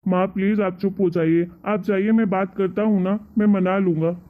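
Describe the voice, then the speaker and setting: A woman's voice: medium pitch, steady tone, moderate pace, close to an everyday voice. A woman voicing a meek young husband in a cartoon story who coaxes his wife. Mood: pleading. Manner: coaxing, meek. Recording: tinny phone-like sound.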